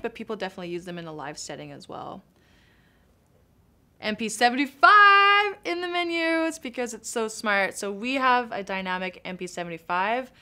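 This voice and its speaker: A young woman with a mid-range voice that's pushed and bright presents a device in a casual walkthrough, chatting upbeat about its menu settings and gesturing as she goes. She's recording in a small studio fitted with acoustic foam.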